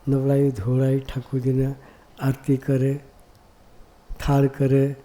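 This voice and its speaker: A man's voice: medium pitch, completely flat delivery, slow, mellow. A man giving a devotional discourse as a monk preacher, often asking the audience rhetorical questions.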